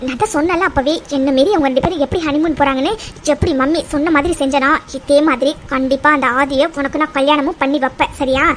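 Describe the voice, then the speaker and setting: A woman voicing a sly, bossy middle-aged aunt in a cartoon, in a low scolding tone. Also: fairly even intonation, fast talker, a little hiss or hum, natural voice. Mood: scheming. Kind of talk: cartoon dubbing.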